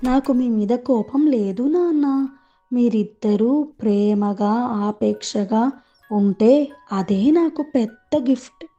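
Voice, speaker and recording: A woman voicing a loving, tearful mother of two squabbling children in a storybook tale, pleading softly. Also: a little high, slow pace. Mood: tender. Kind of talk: storybook narration. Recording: dull lo-fi with music behind.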